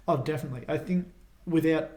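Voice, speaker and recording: A young man co-hosts a casual film chat, speaking a little higher than most men but with a dark, mellow tone. He thinks out loud in a measured way and offers his own opinions. The room adds a roomy echo. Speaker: podcast co-host.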